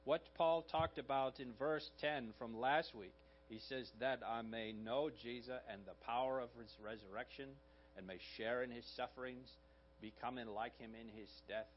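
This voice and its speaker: A slightly hoarse man preaching a sermon in a conversational way, often checking in with the congregation with quick asides. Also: mid-range voice, steady tone, highs cut off, a little hiss or hum. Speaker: pastor.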